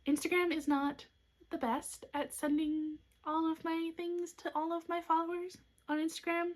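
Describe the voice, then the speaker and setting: A woman's voice: very high-pitched, flat delivery, moderate pace. A young woman hosting a knitting podcast, showing off her designs in a chatty, upbeat way. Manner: chatty and upbeat, with soft asides. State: has hiccups. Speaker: knitwear designer and podcast host. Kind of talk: casual show-and-tell podcast chat.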